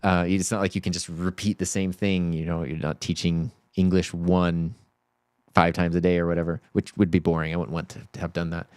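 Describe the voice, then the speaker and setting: A man's voice: low-pitched, fairly quick, no room sound. A man hosting a livestream, chatting casually and a bit rambly, with plenty of fillers. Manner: relaxed, rambling, talks with many fillers. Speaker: stand-in livestream host.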